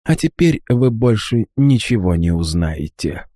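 A man's voice: lowish voice, big pitch swings, a little slow, warm tone, dry recording, clean studio sound. A man voicing a hateful, dying villain who speaks with a sneering, spiteful manner, in an audiobook.

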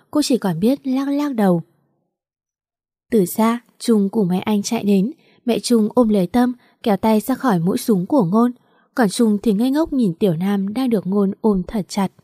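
A woman's voice: medium pitch, dark tone, no echo, clean studio sound. A woman narrating a romance novel as an audiobook, telling the story steadily.

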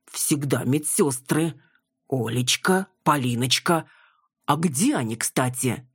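A woman's voice: very deep voice, lively intonation, slow pace, breathy edge, no echo, studio quality, exaggerated voice. Woman voicing an older, bewildered actor father. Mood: puzzled.

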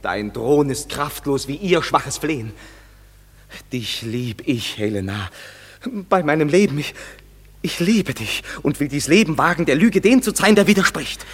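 A man's voice: on the high side, expressive, moderate pace, big-room sound, slight background noise, natural voice. An actor playing Lysander, a lovestruck, hot-tempered young man in a classic radio play, speaking with declamatory passion. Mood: ardent. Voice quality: impassioned, declamatory.

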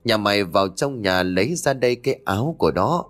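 A grave old village elder with a low voice, stern and calm, scolding like a grandfather, as a man reads him in an audiobook. The voice swings up and down, with faint music behind. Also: brisk. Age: older.

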